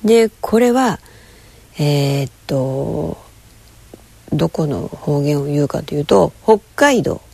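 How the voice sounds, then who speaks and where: A woman chatting casually to camera, rambling and telling a story with lively, acted-out quoted voices. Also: deep voice, slow, vocal fry, husky. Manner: lively, rambling, with frequent fillers.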